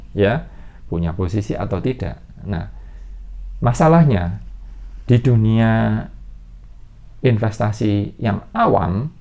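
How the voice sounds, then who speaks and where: Guy teaching stock investing, chatty and loose, lots of fillers, a bit of fry in his voice. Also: on the low side, darkish tone. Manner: conversational, loose, many fillers. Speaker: investment educator. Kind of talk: casual explanatory talk.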